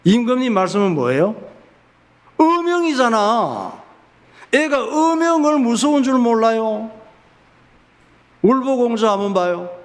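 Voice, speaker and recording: Animated storytelling man preaching. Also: very high-pitched. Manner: animated folksy storytelling, asks and answers his own questions. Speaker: pastor. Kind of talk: sermon storytelling. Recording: reverberant church hall.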